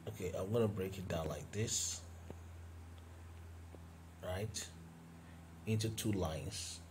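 A man with a deep, low voice narrates a screen-recorded design lesson at an unhurried pace. He talks through each step as he goes, with fillers and restarts. Background noise runs clearly under his voice. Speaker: design tutor. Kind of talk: screen-recorded software tutorial.

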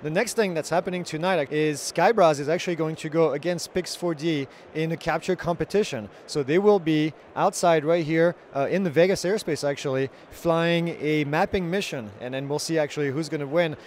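A man's voice: fairly high pitch, brisk, hardly any pauses. Man, thirties, drone news host, handheld mic, convention hall, faint background noise. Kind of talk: trade show report. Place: large indoor convention hall.

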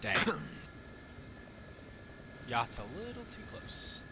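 A man's voice: medium pitch, very animated, drawn-out words, noisy background. A man chatting over game voice comms, teasing his squadmates and retelling a story with jokes. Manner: joking, teasing. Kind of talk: casual gaming chat over voice comms.

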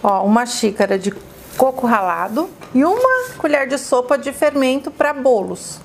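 Woman, Brazilian Portuguese accent, high voice, effusive cooking host, chatty demo, faint background hum. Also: sing-song, normal speed. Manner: effusive, calls viewers "my loves", exclamatory.

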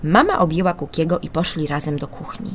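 A woman reading a children's story aloud on the radio, expressive and animated. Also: low-pitched, fairly quick, slight background noise.

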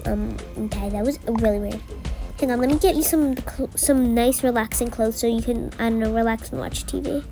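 A woman's voice: a little high, fairly even intonation, fairly quick, music in the background. A woman narrating and role-playing a game story in a chatty, filler-heavy way.

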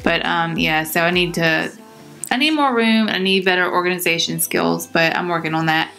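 A young woman chatting casually in voice-over about cleaning her bathroom, relaxed, with frequent ums. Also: on the low side, normal speed, gravelly. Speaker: cleaning vlogger. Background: soft pop music.

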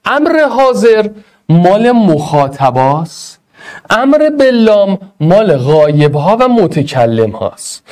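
A male teacher gives an energetic Arabic grammar lesson, talking straight to his students. His voice sits high and leaps widely in pitch as he plays with the class and urges them along. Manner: animated, playful, addresses students directly.

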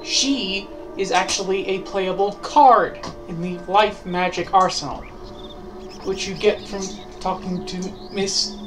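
A woman's voice: medium pitch, fairly even intonation, takes it slowly, low-quality recording. A woman giving casual gameplay commentary as the host of a gaming video. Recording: loud game music behind voice. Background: game music.

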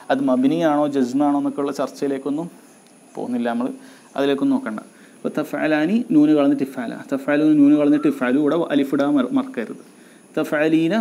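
Dark-voiced man teaching a grammar lesson. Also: mid-range voice, muffled recording. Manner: explains step by step, repeats key words slowly.

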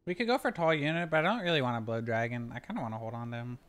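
Young male streamer from Taiwan, relaxed and chatty, headset mic, home room. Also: medium pitch, very fast. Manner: relaxed, chatty, reads and answers chat questions. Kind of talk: casual chat with viewers while playing a card game. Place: small room at home, indoors.

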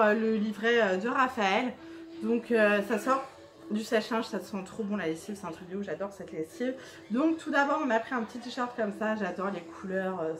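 Chatty young woman vlogging at home. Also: mid-range voice. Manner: chatty, many fillers, drops to a hushed murmur in the evening. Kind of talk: casual chat.

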